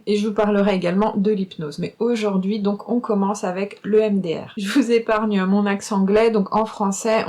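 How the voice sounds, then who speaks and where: A woman speaks straight to her viewers about something she went through, explaining it step by step. Her pitch sits in an ordinary middle range, and she often breaks off with small fillers before going on. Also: darkish tone. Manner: explanatory, frequent hesitations and fillers. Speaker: YouTuber sharing a personal testimony. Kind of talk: casual talking-head testimony.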